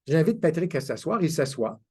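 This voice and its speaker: A man's voice: on the high side, very animated, normal speed, darkish tone, breathy edge. Older Québécois man telling a story. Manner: anecdotal, self-mocking, with colloquial asides. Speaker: conference speaker. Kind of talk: storytelling lecture.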